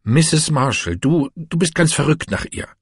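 A man voicing an anxious, jealous young wife in an audiobook reading, his husky voice pleading and insistent. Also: fairly high pitch, expressive, unhurried, no room sound, studio quality, voice pushed up, exaggerated voice. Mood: accusing.

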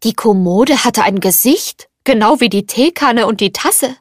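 A woman giving a calm, scripted storybook narration. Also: on the high side, a little slow, no room sound, clean studio sound.

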